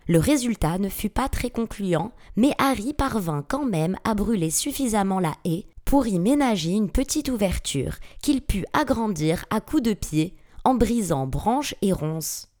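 Expressive woman reading a fantasy audiobook. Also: mid-range voice, a little slow, hardly any pauses. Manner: expressive, dramatic storytelling. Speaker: narrator.

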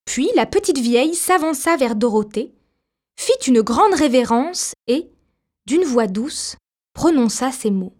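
A woman reading a children's story aloud in a measured, expressive way. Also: sits high.

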